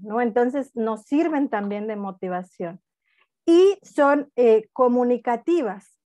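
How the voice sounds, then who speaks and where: A woman lectures over a video call. Her voice sits a little high, and the sound is dry and close. She explains patiently and keeps checking in with her listeners. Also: darkish tone, no echo. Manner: explanatory, asks frequent tag questions. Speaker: speaker at a university talk. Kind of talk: online lecture.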